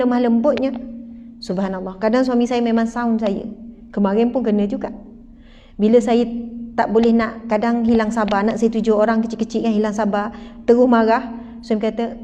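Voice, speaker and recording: High-voiced Malaysian woman preacher. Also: moderate pace. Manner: animated, acts out family scenes. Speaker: religious teacher. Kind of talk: lively religious talk. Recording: dull hall recording, faint noise.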